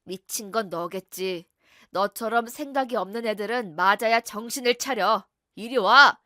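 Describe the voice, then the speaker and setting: A woman's voice: mid-range voice, normal speed, pushed and bright, no echo, studio quality, natural voice. A woman voicing a young husband who bullies and threatens his wife, then turns fake-polite. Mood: menacing. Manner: threatening, then smooth and apologetic.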